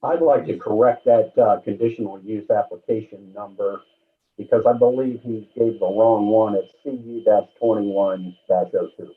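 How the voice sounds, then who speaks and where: A man's voice: on the low side, steady tone, moderate pace. A man on a board making informal remarks at a public meeting. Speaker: board member. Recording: distant, thin phone-like sound.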